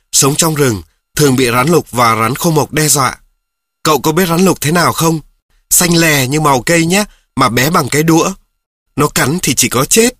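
A man voicing a feisty schoolboy who argues quickly and insistently with his friend. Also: a little high, pushed and bright, dry recording, clean studio sound, voice pushed up.

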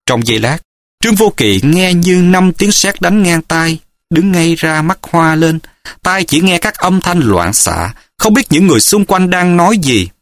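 Expressive male audiobook storyteller. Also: high-pitched, a little slow, dry recording, clean studio sound. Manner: expressive, dramatic reading. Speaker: audiobook narrator. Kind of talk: storytelling narration of a martial-arts novel.

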